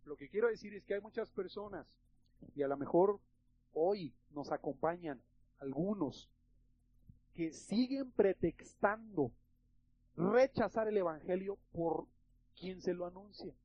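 A man's voice: high voice, expressive, measured pace, long pauses, slightly rough, no room sound, lo-fi sound. A male pastor with a Mexican Spanish accent preaches emphatically and conversationally, often calling the listeners brothers. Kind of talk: sermon.

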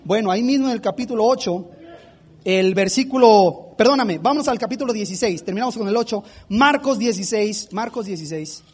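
Pastor guy preaching hard, lots of questions to the crowd, really high voice. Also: animated, brisk, breathy edge. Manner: impassioned preaching with rhetorical questions. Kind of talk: sermon.

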